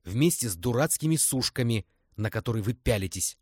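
A man reading aloud and voicing a headstrong young woman, a witch, in a sharp, indignant tone. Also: lowish voice, animated, normal speed, dry recording, studio quality, pitched above the performer's own voice. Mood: angry.

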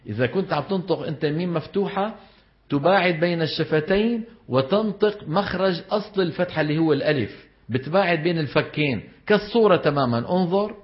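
A man's voice: on the high side, animated, quick pace, breathy edge. A man with a Levantine Arabic accent teaching a class on Quran recitation. He quizzes his students with questions and demonstrates the sounds aloud. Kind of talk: classroom lecture. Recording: dull lo-fi lecture recording.

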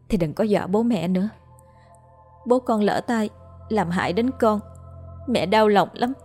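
A woman voicing a grieving young mother haunted by her dead son, calling out high and tearful or murmuring low in prayer. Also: mellow, lightly acted.

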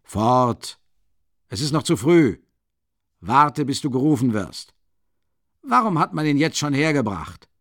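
A man's voice: medium pitch, big pitch swings, unhurried, long pauses, dry recording, studio quality, voice pushed up. Man voicing an irritable, barking magistrate. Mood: irritated. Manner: angry, barking questions. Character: irritable middle-aged male investigating magistrate.

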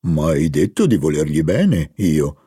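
A man reading an audiobook, voicing a gruff older husband who mumbles with mock grumpiness. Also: rumbling low, sing-song, slow, warm tone, no room sound, studio quality, pitched below the performer's own voice, heavily acted. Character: gruff older husband, grumbling but kindly.

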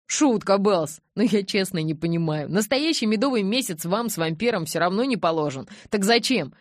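A woman doing a loud, furious young werewolf man. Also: medium pitch, animated, normal speed, no room sound, clean studio sound, close to an everyday voice. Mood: mocking. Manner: loud, mocking then shouting angrily. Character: young man, hot-tempered werewolf friend.

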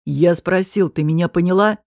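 A woman's voice: normal speed, creaky, darkish tone, no echo, clean studio sound. A woman voicing a hissing gangster boss. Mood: menacing. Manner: low hissing threats. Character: menacing male gangster boss, cold and cruel.

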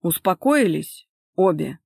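A woman's voice: lowish voice, lively intonation, slow, gravelly, darkish tone, slightly rough, no echo, clean studio sound, full character voice. A woman voicing a stern restrained man. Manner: stern, clipped and controlled.

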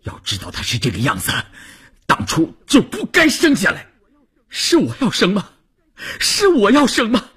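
A heartbroken mother cries out in a high, strained voice, as a male storyteller puts her on in a radio novel. Her pleas crack and climb, husky and breathy at the edges, each word pushed out through tears. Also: huge pitch swings, normal speed, fairly bright tone, exaggerated voice. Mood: indignant. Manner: choked, pleading, rising to shrill outcries. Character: distraught middle-aged mother, pleading and shrill.

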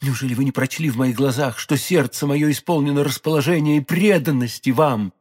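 A man's voice: mid-range voice, a little fast, a little mellow, breathy edge, lightly acted. A man voicing an ardent, insistent young musketeer in an audiobook. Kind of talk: audiobook character voice.

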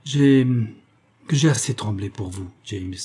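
A man's voice: fairly low pitch, unhurried, darkish tone, slightly rough. A man reading aloud, voicing a tender young actress who speaks earnestly and with emotion. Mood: emotional.

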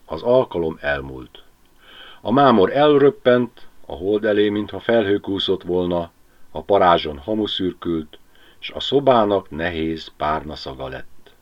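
A man's voice: sits low, expressive. A man narrating a novel as an audiobook, reading expressively. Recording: lo-fi home audiobook recording.

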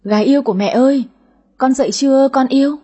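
A woman's voice: high voice, quick pace, dark tone, breathy edge, voice pushed up. A woman voicing a nagging, fussing middle-aged mother in an audio story. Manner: nagging, complaining.

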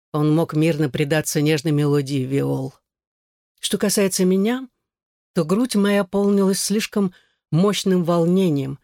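A man narrates a novel in the first person, with a measured, solemn delivery. His voice sits somewhat high for a man. It is recorded close and dry, with no room sound. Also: a little mellow, dry recording. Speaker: audiobook reader.

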